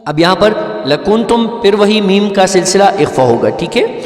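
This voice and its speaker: A man teaching Quran recitation rules, explaining each point patiently and then chanting verses slowly and melodically. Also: high voice, lively intonation, reverberant, in a large hall. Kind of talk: tajweed lesson with chanted recitation.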